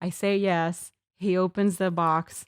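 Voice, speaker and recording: A woman's voice: lowish voice, measured pace, smooth, no echo, studio quality. A young woman from Puerto Rico, co-hosting a podcast, telling a story in casual chat and acting out other people's voices. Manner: animated storyteller, acts out voices. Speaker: podcast co-host.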